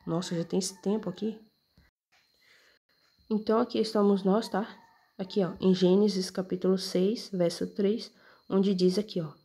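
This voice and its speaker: A woman's voice: mid-range voice, fairly even intonation, normal speed, long pauses, warm tone, slightly rough. A woman explaining scripture in a casual, conversational way, often checking in with her listener and pointing at the text as she reads. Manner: points at text while reading. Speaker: religious teacher explaining scripture.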